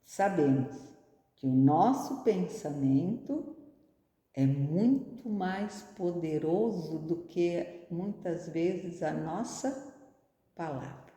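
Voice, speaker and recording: A woman's voice: lowish voice, expressive, takes it slowly, warm tone. A woman giving a reflective spiritist talk, often asking rhetorical questions. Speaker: spiritist speaker. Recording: echoey hall.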